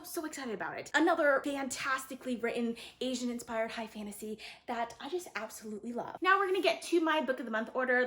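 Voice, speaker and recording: A woman with a slightly high, bit-bright voice chats casually to viewers about her book haul. A book reviewer and vlogger, she's enthusiastic and gushing, repeating herself emphatically and frequently saying "really" and "like".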